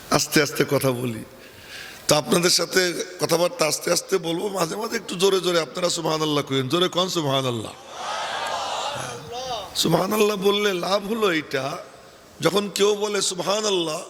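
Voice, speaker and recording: An older man with a slightly high, fairly bright voice preaches an open-air sermon to a crowd at a religious gathering, chatty and teasing with asides. The recording has a long hall echo and faint ambient noise.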